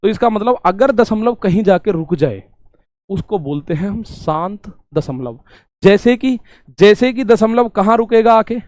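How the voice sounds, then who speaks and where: A man's voice: high-pitched, expressive, unhurried, a little mellow, dry recording. A man teaching a math class to exam students, talking casually, repeating questions back to them and explaining with everyday examples. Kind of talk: online exam-prep class.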